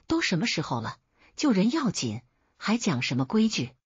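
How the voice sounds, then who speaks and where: A woman's voice: medium pitch, huge pitch swings, normal speed, breathy edge, dry recording, highs cut off, exaggerated voice. A woman voicing an older village neighbor woman who gives urgent, commanding orders, in a storybook reading.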